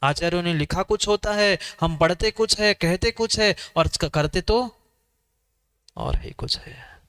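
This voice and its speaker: Emphatic male preacher, clear voice. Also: high voice, moderate pace, fairly bright tone. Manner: repetitive, emphatic, asks the audience questions. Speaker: Jain monk preacher. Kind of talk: sermon. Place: sermon hall.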